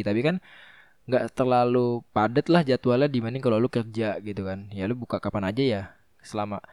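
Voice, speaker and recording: A man's voice: medium pitch, mellow, dry recording. A young man with a Jakartan accent and a lisp on his r, giving casual, rambling advice as a solo podcast host. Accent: Jakartan Indonesian. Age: young adult. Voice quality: lisp, trouble saying r. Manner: informal, rambling, repeats phrases.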